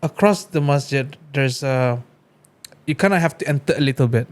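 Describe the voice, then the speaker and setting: A man's voice: medium pitch, moderate pace. A man hosting a podcast in casual chat, playful and teasing with his guest. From Brunei. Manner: playful, teasing, uses "bro". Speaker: podcast host.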